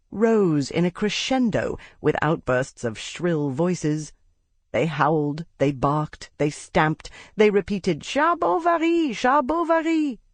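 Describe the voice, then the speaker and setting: A woman audiobook narrator reading a classic novel in a measured, expressive storytelling manner on a close studio mic. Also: low-pitched, no echo. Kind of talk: scripted literary narration.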